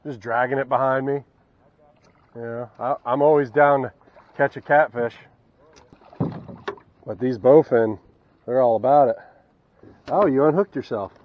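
Fishing from a small boat on a wooded river, a young fishing vlogger with a Southern US accent chats casually to the camera, muttering to himself and swearing at fish. He speaks at medium pitch, a little slow, pausing often, and the action camera mounted on the boat gives slightly dull outdoor sound.

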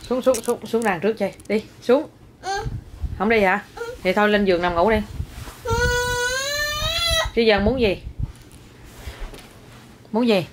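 A woman's voice: medium pitch, measured pace, pauses often, background noise. A young woman at home talking to her small child, coaxing and scolding as a mother. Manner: coaxing, scolding and exclaiming at a toddler. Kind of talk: casual home video.

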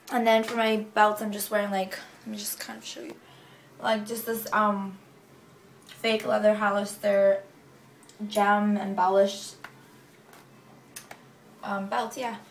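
A woman's voice: medium pitch, slight background noise. A teenage girl chatting casually in a daily vlog, rambling with lots of filler words. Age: teens. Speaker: vlogger.

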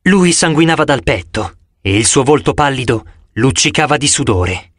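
A man narrating an audiobook in the first person with a dramatic, expressive reading. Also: fairly high pitch, no echo, studio quality.

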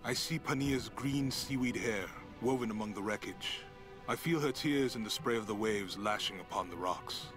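An actor playing a big, gentle, loyal crewman in an adventure game, speaking in a sincere manner. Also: on the low side, moderate pace, over music, natural voice. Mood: brooding, reflective. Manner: sincere, reassuring.

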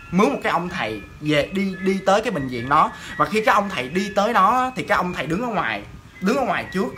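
A woman telling a ghost story in a chatty, animated way, talking straight to her listeners. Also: mid-range voice, a little hiss or hum.

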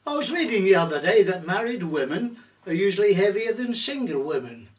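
A man's voice: high-pitched, sing-song, a little fast. A man in his seventies doing comic stage patter as the straight man to a puppet. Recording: distant camera microphone.

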